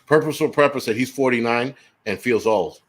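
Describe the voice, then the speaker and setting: A man in his forties hosts a casual livestream chat, reading viewer comments aloud, teasing and swearing freely. He speaks briskly in a medium-pitched voice.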